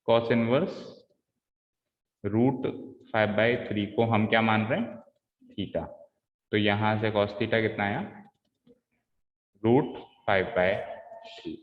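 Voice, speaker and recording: A man teaching a live online maths class, quizzing his students and coaxing them through each step patiently. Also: mid-range voice. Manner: quizzes students, calls them "beta" and "bhai". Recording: echoey room, dull lo-fi sound.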